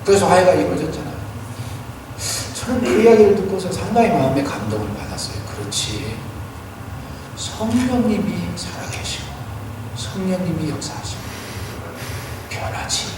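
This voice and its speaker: A man's voice: high-pitched, sing-song, normal speed, long pauses, heavy reverb, long reverb tail, noisy background. A male pastor giving a Sunday sermon in a church sanctuary. He exhorts earnestly, tells stories, and asks rhetorical questions, picked up by a distant room mic.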